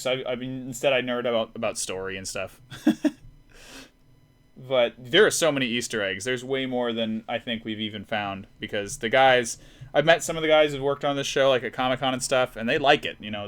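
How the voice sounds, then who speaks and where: A man's voice: medium pitch, a bit bright. A young man hosting a casual live stream while drawing, rambling with frequent restarts and laughs. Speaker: YouTube host.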